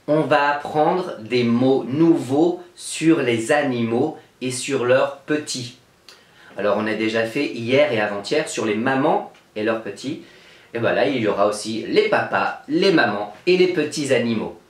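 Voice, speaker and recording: A male teacher giving a remote lesson to young children, taking his time and spelling out each sound with patient care. His voice sits at an ordinary middle pitch. The room around him rings with a noticeable echo. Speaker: kindergarten teacher.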